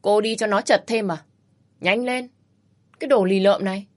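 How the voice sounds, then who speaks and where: A woman's voice: mid-range voice, moderate pace, lightly acted. A woman voicing a cocky, teasing young man with a brusque, mocking way of talking, in a storybook reading.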